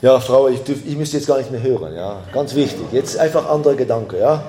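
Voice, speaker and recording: A man preaching a sermon in a slow, emphatic way, his voice climbing with fervor at times. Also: mid-range voice, lively intonation, dark tone, roomy sound.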